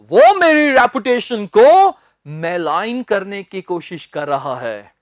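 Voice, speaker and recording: A man teaching a spoken-English lesson, spelling words letter by letter and having students repeat them in an emphatic, drawn-out way. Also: sits high, very animated, no room sound, studio quality.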